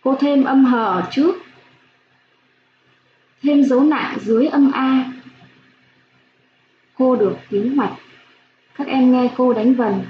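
A woman primary school teacher giving a slow phonics lesson for young children, spelling out sounds clearly with gentle instructions. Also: sits high. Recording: echoey room, dull lo-fi sound, faint hiss.

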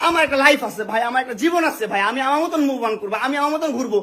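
A young man in a heated domestic argument, shouting angry insults. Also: extremely high pitch, lively intonation, very fast. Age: young adult. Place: bedroom of a home.

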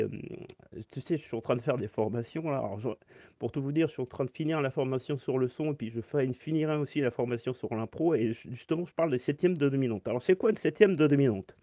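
A man's voice: medium pitch, mellow, no echo. A man teaching saxophone in a live-stream Q&A, explaining step by step and answering chat comments aloud through his phone.

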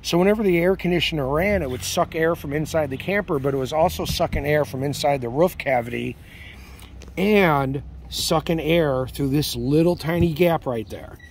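A man's voice: on the high side, moderate pace, slight background noise. A middle-aged man, an air conditioning technician, casually explaining an RV repair while filming with his phone on the roof outdoors. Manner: relaxed, chatty, many ums and uhs. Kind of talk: casual how-to vlog. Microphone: handheld phone camera.

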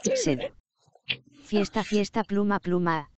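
A text-to-speech woman's voice reading out chat names and messages in a flat, even way. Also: mid-range voice, slow, no echo.

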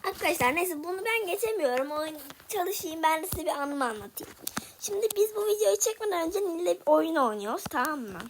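Young female gaming creator, high voice, frustrated chatter to viewers, faint noise behind. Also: lively intonation, fairly quick. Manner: frustrated, talks to viewers while playing. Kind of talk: casual gameplay commentary.

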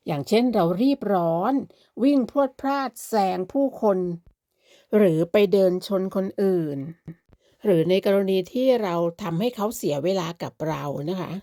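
A woman leads a beginners' language lesson in a slow, unhurried voice. She speaks politely and patiently, stretching out each example word. The sound is dry and close, with no room around it. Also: medium pitch, expressive, gravelly, warm tone, no room sound. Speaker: language teacher.

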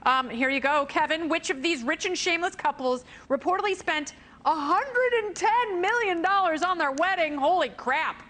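A woman's voice: very high-pitched, animated, fairly bright tone. A middle-aged woman hosting a playful quiz game on a talk show, bubbly and teasing. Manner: bubbly, teasing, quick jokes and laughs.

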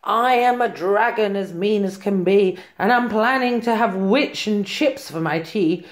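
A mean, greedy male dragon from a picture book, blustering at first, as a woman reading aloud puts him on. The room gives the voice a clear echo. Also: medium pitch, unhurried, close to an everyday voice. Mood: menacing. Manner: blustering, then spluttering. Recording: roomy echo.

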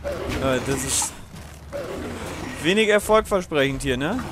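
A man's voice: a little high, expressive, slow pace, background noise. A man hosting a let's play, giving casual gaming commentary in a chatty, digressive way with frequent swearing and laughter.

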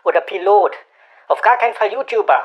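A man's voice: sits high, lively intonation, a little fast, highs cut off, voice pushed up. A naive, earnest young boy of about twelve speaks, played by a man raising his voice. It sounds a little distant, with faint hiss behind it. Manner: childlike, naive.

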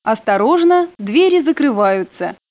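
A woman's voice comes over a train intercom, rather high and lively in its rise and fall. The sound is narrow and phone-like, with no room around it. She announces stops and door warnings in a polite, formal way. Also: measured pace, dry recording. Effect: played over a train intercom. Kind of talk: prerecorded transit announcements.

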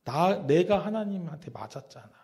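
Brief: a man playing a sorrowful older widow, soft and pleading, gravelly edge, lively pitch. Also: moderate pace. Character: grieving older widowed mother-in-law.

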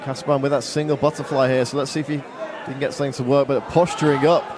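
A man's voice: medium pitch, little pitch movement, rapid-fire. A man giving live play-by-play commentary on a fight. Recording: crowd and venue noise behind. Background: arena crowd.

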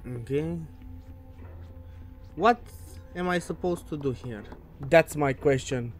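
A fairly high-pitched man streams a horror game in a scared, jittery manner. He talks slowly and casually, with plenty of swearing. Game music plays clearly behind his voice. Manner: scared, nervously anticipating jump scares; swears freely. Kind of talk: casual let's-play commentary. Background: video game music.

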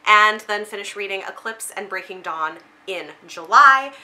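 Speaking to camera indoors from a small home room with bookshelves, a woman in her thirties who hosts a book vlogging channel chats casually but emphatically. Her voice is medium-pitched, animated and sharp, at a moderate pace.

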